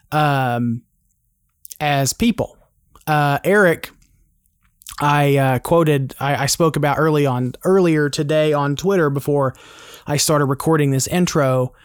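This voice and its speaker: Higher-pitched man in his thirties, podcast hosting. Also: clean tone, no room sound, studio quality. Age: 30s. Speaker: podcast host. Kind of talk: casual conversational podcast talk.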